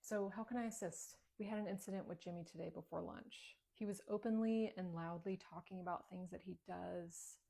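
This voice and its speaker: A woman's voice: fairly low pitch, steady tone, a little fast, gravelly, hardly any pauses, dark tone. A woman acting in a comedy skit, firm and assertive, recorded in an echoey room. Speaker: teacher and comedy skit creator.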